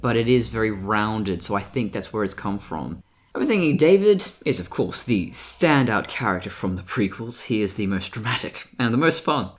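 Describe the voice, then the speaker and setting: A man with a mixed English and Australian accent, delivering a scripted, analytical video essay as a film essayist. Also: lowish voice. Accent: English-Australian hybrid.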